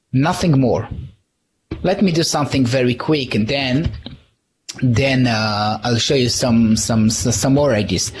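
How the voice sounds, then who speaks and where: A man giving a live conference talk, conversational, checking in with "all right?" and often restarting words. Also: mid-range voice. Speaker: conference speaker.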